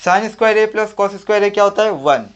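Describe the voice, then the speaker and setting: A man's voice: sits high, quick pace, smooth. A man teaching a maths lesson at the board, thinking aloud and answering his own questions step by step. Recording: dull lo-fi audio.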